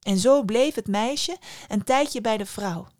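A woman podcast host narrating a fairy tale in a calm, expressive way. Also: on the high side, slow, no echo, clean studio sound.

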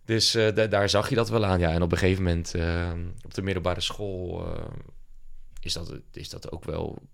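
A man's voice: low voice, little pitch movement, normal speed, creaky. A young man, an entrepreneur, talking casually in an interview and often hesitating with fillers and restarts. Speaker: entrepreneur guest.

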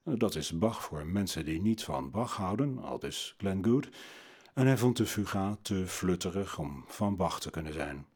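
A man narrates a scripted talk on classical music in a measured, lecturing manner. His voice sits low and sounds slightly husky, and his pitch moves in wide, expressive curves. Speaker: podcast presenter on music.

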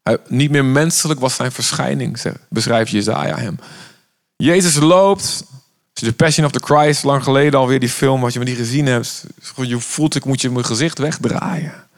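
A man's voice: medium pitch, steady tone, a little fast, creaky, hardly any pauses. A man from the Netherlands preaching an urgent, impassioned sermon, sometimes voicing the words of Jesus.

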